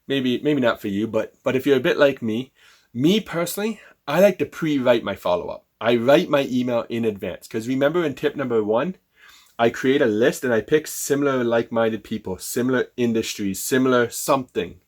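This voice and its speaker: A man's voice: mid-range voice, fairly quick. A man giving a sales lesson, firing off rhetorical questions and acting out phone calls. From Canada. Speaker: sales trainer. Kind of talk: direct-to-camera sales lesson.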